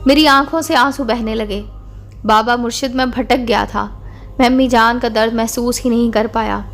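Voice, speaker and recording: A woman tells a moral family story in the first person, calm and earnest. Her voice sits fairly high, and faint music plays softly behind her. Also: normal speed. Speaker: story narrator. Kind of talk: scripted storytelling narration.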